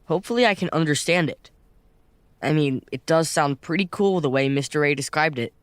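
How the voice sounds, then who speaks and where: A wisecracking teenage schoolboy, voiced by an actor who whines and jokes with a lively, bouncing pitch. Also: fairly quick, clear, resonant tone, dry recording, close to an everyday voice. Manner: whiny and joking.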